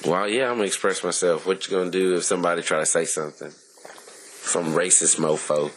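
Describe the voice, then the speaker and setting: A man co-hosting a casual chat, joking and teasing with quick interjections. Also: sits low, steady tone, slight background noise, rough recording. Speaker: podcast co-host. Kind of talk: casual chat about movies and sports.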